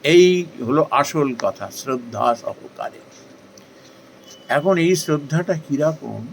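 A man giving a devotional talk in an earnest, persuasive way, asking questions and then answering them himself, with rising emphasis that softens again. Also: a little high, expressive, a little slow, gravelly, a little hiss or hum, rough recording. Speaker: spiritual speaker. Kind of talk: devotional discourse.

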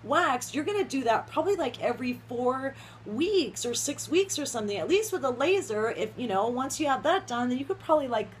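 Chatty woman with a high voice. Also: lively intonation, fairly quick, a little hiss or hum. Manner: chatty, rambling, laughs often. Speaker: vlogger. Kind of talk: casual rant to camera.

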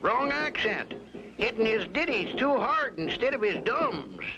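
Folksy old swamp man, high voice, backwoods drawl, cartoon, lo-fi with music. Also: big pitch swings, measured pace, creaky, heavy background noise, full character voice. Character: folksy old male swamp dweller, joking, friendly with animals. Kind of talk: 1950s cartoon voice acting. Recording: dull lo-fi soundtrack with music.

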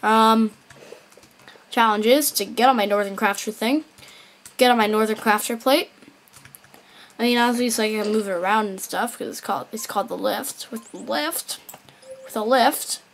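A woman's voice: fairly high pitch, normal speed, pauses often, a little hiss or hum. A woman rambling through casual gameplay commentary, mumbling and correcting herself as she goes. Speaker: gameplay video maker.

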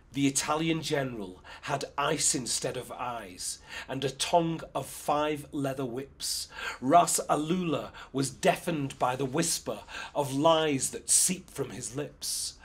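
A man performing a spoken-word poem in a measured, rhythmic declaiming voice. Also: a little high, husky. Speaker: poet.

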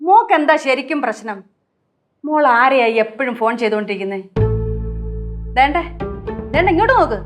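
Strict mom laying down the law, really high voice, tv sitcom. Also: female voice, big pitch swings, a little fast, pauses often, over music. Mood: stern. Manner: firm, scolding. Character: stern mother of the household. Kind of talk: sitcom acting.

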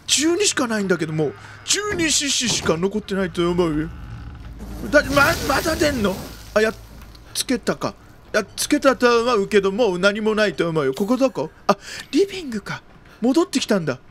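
A man doing jumpy let's-play commentary of a horror game, often repeating exclamations quickly and using old-man turns of phrase. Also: sits high, sing-song, fairly bright tone, a little hiss or hum. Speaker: video game streamer.

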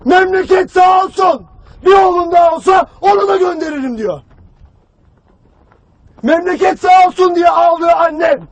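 A man's voice: very high voice, moderate pace, long pauses, no echo. An actor playing a stern army commander who berates his soldiers in a harsh, barking voice in a war film drama. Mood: grim. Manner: barking, harsh, shouts accusations at recruits.

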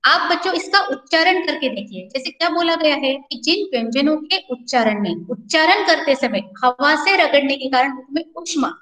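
A woman's voice: high-pitched, animated, normal speed, hardly any pauses, pushed and bright, reverberant, low-quality recording. A woman school teacher with a Marathi-influenced Hindi accent, giving a recorded online lesson, patiently asking questions and answering them herself. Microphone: laptop or headset mic on a recorded video call.

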